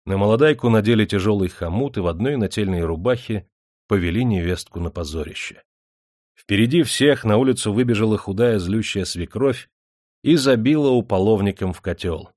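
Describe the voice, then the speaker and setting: A man narrates an audiobook in a low, measured voice. The sound is close and dry, with no room around it. His storytelling stays even and steady. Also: dry recording.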